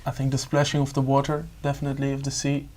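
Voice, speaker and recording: A man's voice: medium pitch, completely flat delivery, fast talker, darkish tone. A young man, an exam candidate talking hesitantly and searching for words. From Netherlands. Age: young adult. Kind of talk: spoken exam discussion.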